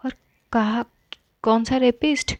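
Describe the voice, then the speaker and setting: A woman voices a brash, confrontational young man in a storybook reading. He talks back rudely in a warm, slightly high voice. The sound is dry and close. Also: steady tone, slow, no room sound. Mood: defiant. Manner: rude, confrontational.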